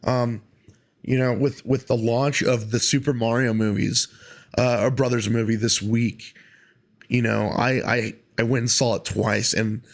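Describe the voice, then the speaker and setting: Guy doing a solo podcast, casual and earnest, kinda rambles, mid-pitched voice. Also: flat delivery, a little slow. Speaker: podcast host.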